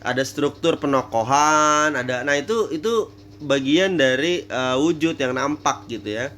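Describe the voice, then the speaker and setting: A man's voice: a little high, lively intonation, unhurried, fairly bright tone, slight background noise. A man giving a casual theater lecture, thinking aloud with many fillers and restarts.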